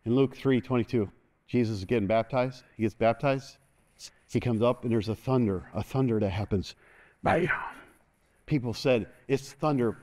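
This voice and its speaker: A middle-aged man preaching a sermon from a church stage, animated and constantly calling for an "amen" from the congregation. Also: medium pitch. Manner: animated, moves about the stage, call-and-response asking "amen". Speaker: pastor. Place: large church stage, indoors.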